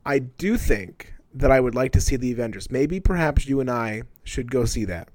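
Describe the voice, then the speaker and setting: A man's voice: medium pitch, lively intonation, normal speed, a little mellow. A man co-hosting a casual chat, playful and self-deprecating.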